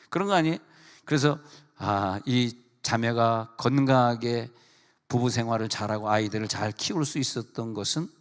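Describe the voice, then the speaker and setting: A man preaching a sermon as pastor, acting out a mother and daughter in lively voices and putting questions directly to the congregation. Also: medium pitch, big-room sound. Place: church sanctuary.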